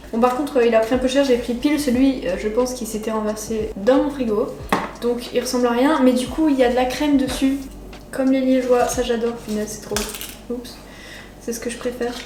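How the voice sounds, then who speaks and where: A woman's voice: a little high, darkish tone, slight background noise. Chatty young woman in an echoey kitchen. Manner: chatty, giggly, talking to viewers. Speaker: vlogger. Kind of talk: casual food challenge vlog. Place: home kitchen. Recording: echoey room with music behind.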